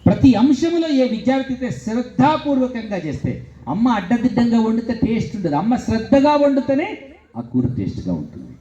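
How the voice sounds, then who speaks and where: In a muffled recording, a man with a very high, brisk voice gives a motivational talk to students in a school hall. He tells stories with animated energy, repeating phrases again and again.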